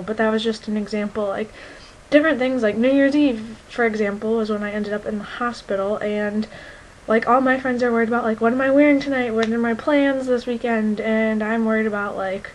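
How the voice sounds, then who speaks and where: A woman's voice: a little high, slight background noise, rough recording. A twenty-one-year-old woman talking candidly to her viewers in a personal vlog, reflective and earnest, with many fillers. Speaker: vlogger.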